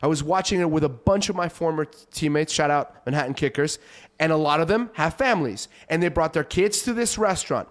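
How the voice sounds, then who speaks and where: A man's voice: on the high side, brisk. A man who grew up in Portugal, talking emphatically as a panelist in a casual soccer discussion. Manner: emphatic, animated storytelling.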